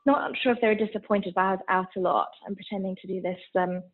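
A woman's voice: mid-range voice, steady tone, fast. Chatty woman on a tinny line. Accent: mixed international English. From Switzerland. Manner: chatty, candid, many fillers. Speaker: guest, founder of a business. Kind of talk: casual interview.

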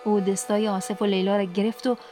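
A woman hosting a book podcast, reading a story aloud in an expressive way and sinking to a whisper in sad parts. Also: medium pitch, faint music behind. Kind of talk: scripted audiobook narration.

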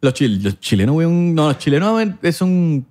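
A man's voice: fairly high pitch, big pitch swings, brisk, a little mellow. A man with a Venezuelan accent, joking and bantering in slang through a casual chat.

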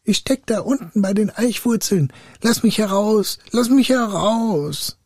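A man's voice: a little slow, darkish tone, dry recording, studio quality. Man doing Mercurius, a boastful bottle spirit. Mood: pleading. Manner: booming threats, whining pleas. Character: huge boastful male bottle spirit, menacing yet wheedling.

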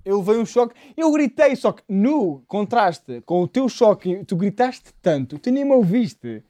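A man with a European Portuguese accent, co-hosting a podcast in casual chat with friends and telling his stories in an animated, insistent way. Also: sits high, unhurried, no room sound. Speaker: podcast co-host.

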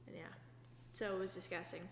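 A woman's voice: lowish voice, steady tone, brisk. A young woman co-hosting a casual podcast, rambling through stories with lots of "like" fillers. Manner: chatty, many fillers, rambling retellings. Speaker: podcast co-host. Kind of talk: casual chat. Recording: echoey room with long reverb, faint hum.

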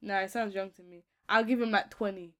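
A woman in her twenties with a London accent and a brisk, medium-pitched voice tells stories in a casual, animated chat. She's full of slang and repeats words for emphasis.

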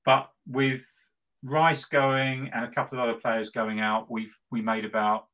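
The audio is poor as a middle-aged man co-hosting a football podcast, a West Ham fan, chats in a gleeful, tongue-in-cheek manner and repeats himself for emphasis. His medium voice sounds pushed and bright, with a level tone and an unhurried pace.

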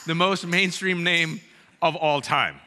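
A man, telling comic stories to a live audience and shouting out punchlines. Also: fairly high pitch, slow pace, soft background music. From Bay Area, California. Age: 30s. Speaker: speaker. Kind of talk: comic storytelling talk. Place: large hall with live audience. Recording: reverberant hall.

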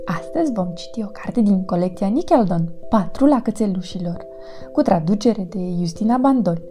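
A woman hosting her own storytelling channel, reading a children's picture book aloud in an expressive, sing-song way. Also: medium pitch, faint music behind.

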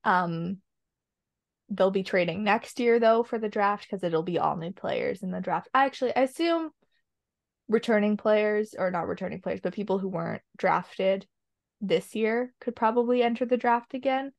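A woman's voice: medium pitch, normal speed, vocal fry, no room sound. A woman chatting casually on a podcast, opinionated and rambling with lots of ums. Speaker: podcast co-host. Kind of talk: casual chat.

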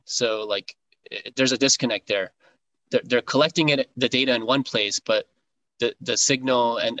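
Man, bright and forceful tone, dry sound; hesitant casual chat full of fillers. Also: lowish voice, no echo, poor audio. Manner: hesitant, many fillers like "like" and "you know". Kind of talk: casual podcast conversation.

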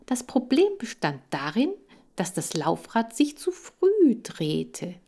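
A woman reading a children's storybook aloud in a lively, playful way. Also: mid-range voice, slow. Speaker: audiobook reader. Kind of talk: expressive storybook narration.

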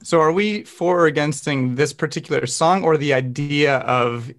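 A man's voice: on the high side, normal speed. A man speaking as a panelist in a casual discussion, in a wry, matter-of-fact way.

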